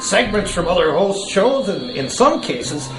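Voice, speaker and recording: A man's voice: high-pitched, sing-song, a little slow. A man speaking as a horror host in jokey, playful banter. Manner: jokey, chuckling through his talk. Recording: roomy sound with music behind. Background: music.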